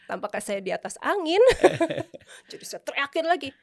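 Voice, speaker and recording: In a high-pitched voice at a moderate pace, an Indonesian woman chats as a guest in a relaxed interview. She's animated and quick to laugh, and she brings her stories to life by acting out recalled dialogue.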